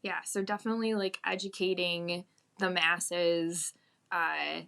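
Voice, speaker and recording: A woman's voice: fairly low pitch, fairly even intonation, unhurried, gravelly, bright, forceful tone. A woman talking candidly and informally as an interview guest, reflective and full of hedging asides. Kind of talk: candid casual conversation.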